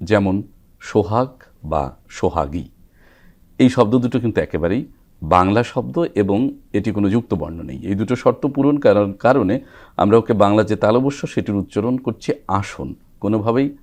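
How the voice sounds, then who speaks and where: Low-voiced man teaching pronunciation rules. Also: darkish tone. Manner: didactic, pausing to sound out example words. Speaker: recitation trainer, guest expert. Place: television studio.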